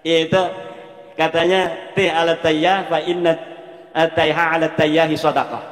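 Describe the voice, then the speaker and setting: A man's voice: a little high, level tone, unhurried. A man from Banten with a Bantenese Indonesian accent, preaching a religious sermon with emphatic rhetorical questions to the congregation. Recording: echoey hall with long reverb.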